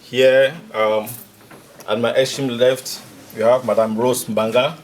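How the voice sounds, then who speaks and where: A man heading a delegation, introducing his colleagues one by one with frequent pauses. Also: mid-range voice, level tone, very noisy. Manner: hesitant, with frequent ums and uhs. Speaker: delegation head. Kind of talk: formal self-introduction.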